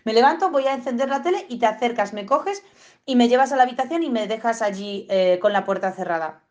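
A woman with a Spain Spanish accent talks viewers through dog training in a loose, chatty way. Her voice sits fairly high, and she keeps wandering off topic before pulling herself back. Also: lively intonation, quick pace, darkish tone, highs cut off. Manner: chatty and digressive, acts out owners and dogs in high voices. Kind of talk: casual spoken lesson to viewers.

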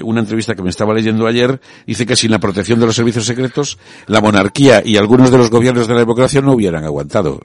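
Low-voiced man hosting a radio talk show. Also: no echo. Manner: relaxed, hesitant with frequent fillers.

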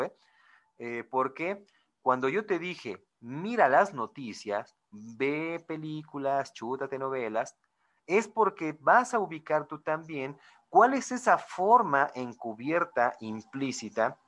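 A man's voice: medium pitch, fairly bright tone. A middle-aged man with a Mexican accent, teaching a class in a loose, digressive way, full of fillers and direct check-ins with his students. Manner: chatty and digressive, with frequent "este" fillers and asides; addresses listeners directly, checks with "¿no?" and "¿sí?". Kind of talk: informal lecture to students.

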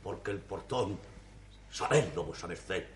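A man's voice: low voice, animated, a little slow. An actor playing a suspicious, haughty sixteenth-century nobleman, speaking in a formal, commanding, archaic manner with a Spain Spanish accent. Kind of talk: 1960s TV stage play acting. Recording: echoey old TV studio sound.

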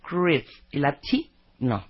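A woman's voice: mid-range voice, expressive, brisk, slightly rough. A woman co-hosting a radio show, goofy and giggly, rambling through playful banter. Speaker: radio co-host. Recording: muffled broadcast with music under it. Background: music.

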